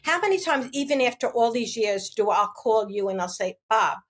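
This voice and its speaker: A middle-aged woman with a fairly high voice tells stories from her work in a casual interview. She is animated and acts out the quoted dialogue as she goes. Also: normal speed. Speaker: real estate agent, guest.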